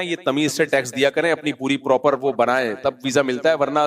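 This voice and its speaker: Middle-aged preacher guy, bit high voice, chatty, scolds, does little voices for people. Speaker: Islamic scholar giving a talk. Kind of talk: conversational religious lecture.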